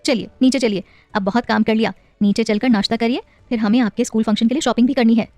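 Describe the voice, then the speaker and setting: Audio story role: a loving, teasing young mother, as the woman narrator voices her, high-pitched, close and dry. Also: fairly even intonation, quick pace, warm tone, no room sound, faint music behind, close to an everyday voice. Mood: tender. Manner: teasing, affectionate scolding. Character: young wife and mother, firm but loving.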